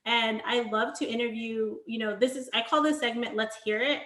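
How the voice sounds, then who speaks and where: A woman's voice: on the high side, moderate pace, a bit bright, reverberant. A woman interviewing a band over a video call, upbeat and friendly, with many fillers. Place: her home in a large US city.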